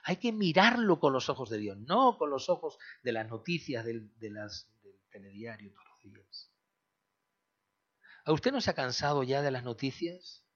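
A man from Spain preaching a sermon as pastor, swinging between loud bursts and soft low phrases. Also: very animated, moderate pace. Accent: Spain Spanish. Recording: dull lo-fi recording.

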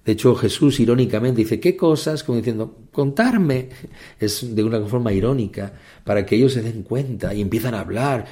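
A man's voice: fairly even intonation, fairly quick, hardly any pauses, dark tone. A man preaching a sermon with fervor, repeating phrases and rising into sudden emphatic peaks. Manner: impassioned, repetitive, with sudden high emphatic outbursts.

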